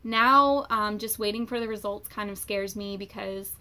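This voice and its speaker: Bright-voiced chatty young woman. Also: medium pitch, normal speed. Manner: chatty, many fillers, animated retelling. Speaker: vlogger. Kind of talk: casual personal storytelling.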